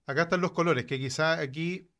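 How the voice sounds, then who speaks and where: A man co-hosting a casual talk show. His voice sits a little high, and he drops short, dry jokes into the conversation. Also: a little fast, a bit bright. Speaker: co-host. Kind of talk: casual chat.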